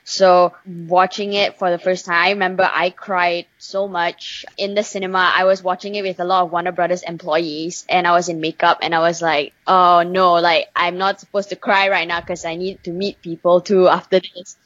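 A woman's voice: lowish voice, moderate pace, few pauses, no echo, lo-fi sound. Chatty young woman from Malaysia. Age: young adult. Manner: chatty, animated, laughs often. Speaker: singer guest. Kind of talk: casual interview chat.

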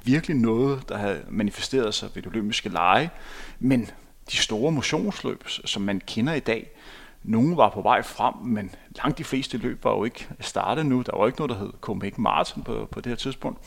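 Guy with a gravelly voice interviewing someone in a studio, asks things slowly and steady. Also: mid-range voice. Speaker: podcast host.

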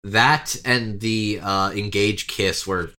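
A man's voice: fairly low pitch, fairly even intonation, slow pace, sharp tone. A man co-hosting a podcast in casual chat, rattling off long lists and swearing offhandedly. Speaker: podcast co-host.

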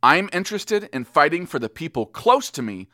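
A weary, exasperated male radio host of the post-apocalypse. His voice is bright and high, recorded close and dry. The delivery is that of a harried announcer in radio comedy. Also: sing-song, normal speed, dry recording. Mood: indignant. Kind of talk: scripted satirical radio show.

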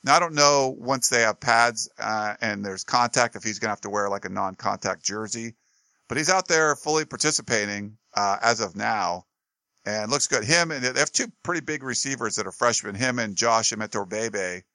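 A man's voice: medium pitch, normal speed, sharp tone, no room sound. A man co-hosting a sports talk show, chatting casually and rambling with lots of fillers and restarts.

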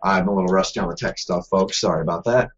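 Male co-host, husky voice, joking and self-deprecating, muffled lo-fi recording. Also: sits low, steady tone, fast talker. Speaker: podcast co-host. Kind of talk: casual news chat. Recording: dull lo-fi podcast audio.

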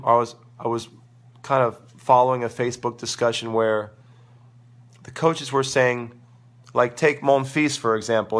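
With a sore throat wearing his voice down to a crackly, gravelly rasp, the man speaks in a mid-range, slightly bright voice. He is a tennis coach hosting a live online show, replying to viewers informally, emphatically and opinionatedly as his voice fades.

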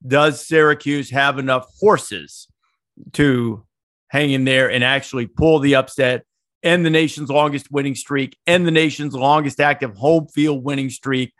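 A man's voice: medium pitch, fairly even intonation, measured pace, a bit bright, no echo. Rambling middle-aged man, dry sound. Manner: rambling, digressive, many restarts. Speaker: podcast co-host. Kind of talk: casual sports chat.

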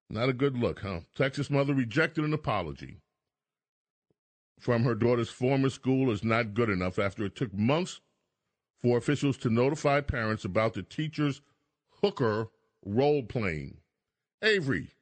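A man's voice: medium pitch, no echo. A man hosting a radio show, giving news commentary and banter in a teasing, sardonic manner on a close studio microphone. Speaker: radio talk show host.

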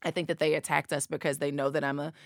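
A woman speaks with an Appalachian accent and a gravelly fry in her voice. She answers like an activist leader in an interview, emphatic and persuasive, tagging points with short questions. The sound is dry and close. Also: sits low, flat delivery, fast talker, dry recording. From Appalachia, southern United States. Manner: emphatic, with rhetorical tag questions. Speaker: activist leader, co-executive director and interview guest.

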